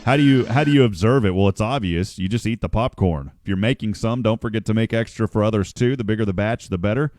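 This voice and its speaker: A man's voice: fairly low pitch, fast, few pauses, a little mellow, no echo. A man hosting a morning radio show, chatting casually and rambling, often correcting himself as he reads the news.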